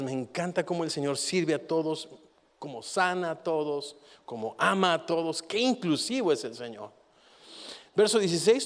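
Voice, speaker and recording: Man preaching in a reverberant hall. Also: a little high. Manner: animated preaching, rising and falling in intensity. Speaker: pastor. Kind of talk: sermon.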